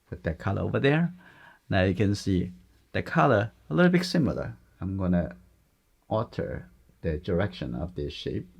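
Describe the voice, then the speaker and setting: Gentle, low gravelly male painting instructor. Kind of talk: step-by-step painting demonstration, unscripted.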